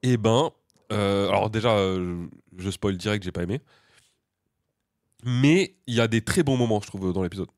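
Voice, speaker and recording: A man's voice: on the low side, moderate pace, darkish tone, no room sound, studio quality. A man co-hosting a podcast from France, chatting casually in a slangy, joking way with strong opinions. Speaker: podcast co-host. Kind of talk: casual chat.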